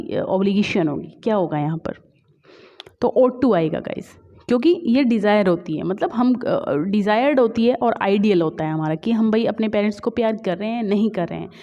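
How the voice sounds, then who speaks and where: A woman's voice: medium pitch, warm tone, muffled recording. A woman with an Indian accent giving an exam-prep lesson, explaining step by step and asking herself rhetorical questions, with frequent fillers. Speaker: teacher.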